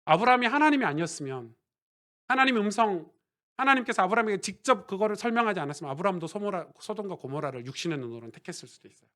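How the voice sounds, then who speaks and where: Male pastor, high-pitched, conversational sermon delivery with sudden emphatic swells. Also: animated, racing. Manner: swings from quiet asides to loud emphatic preaching; conversational, asks the congregation questions.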